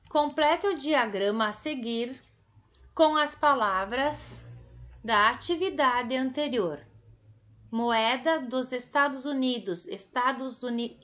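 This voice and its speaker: Brazilian woman teacher, high voice, unhurried lesson for kids. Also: fairly bright tone. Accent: Brazilian Portuguese. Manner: slow, drawn-out and didactic, stretching words for emphasis. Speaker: primary school teacher. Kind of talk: recorded remote lesson for children.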